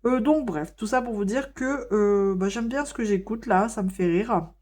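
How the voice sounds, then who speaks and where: A woman's voice: medium pitch, normal speed, a little mellow. A woman chatting casually in a vlog while coloring, with lots of fillers and hesitations, laughing now and then. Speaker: vlogger.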